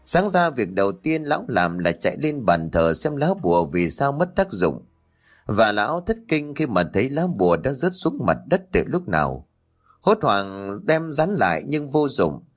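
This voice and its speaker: A man narrating a ghost story in a dramatic, expressive way. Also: mid-range voice, moderate pace.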